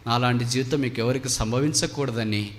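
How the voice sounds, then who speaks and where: A man's voice: medium pitch, a little fast, natural voice. A man preaching in a sermon, voicing a dying male eagle king who laments in repeated mournful phrases, his words ringing in a long hall reverb. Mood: sorrowful.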